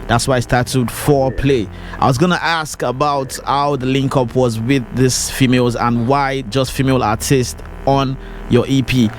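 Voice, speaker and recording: A man's voice: medium pitch, fairly even intonation, normal speed. A man with a Nigerian Yoruba accent hosts a music interview in a conversational, affable way. His mid-range voice is talkative and emphatic, repeating words for weight. Music plays behind him. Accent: Nigerian Yoruba-influenced. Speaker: interviewer, music show host.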